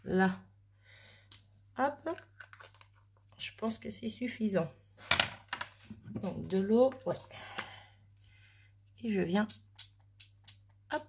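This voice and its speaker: Expressive and medium-pitched, this woman draws out her words, uses vocal fry, and pauses often; her voice is a little mellow, and there's slight hiss or hum. She talks through a mixed-media craft project in her home craft room in casual tutorial style, chatty and self-deprecating as she thinks aloud. An oven runs nearby.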